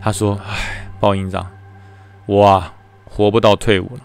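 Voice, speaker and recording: A man's voice: lowish voice, flat delivery, unhurried, gravelly, clean tone. A man doing a whiny, scared young soldier. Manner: whiny, panicky complaining. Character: skinny, anxious young male soldier, whiny and fatalistic. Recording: faint background music.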